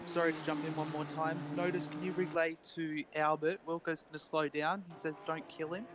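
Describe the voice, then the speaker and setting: A male pit reporter jumps in with hurried, urgent updates in a flat, monotone delivery. He sits far from the mic, and loud background noise surrounds his voice. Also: on the high side. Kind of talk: live race reporting.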